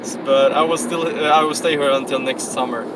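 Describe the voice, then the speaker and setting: A young man from Sweden, whose first language is Swedish, talks hesitantly as a passenger, with many fillers and restarts. He sounds far from the mic. Loud engine and road noise runs under his voice throughout. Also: mid-range voice, steady tone, a little fast. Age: young adult. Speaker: passenger, intern. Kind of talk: casual chat. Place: inside a car.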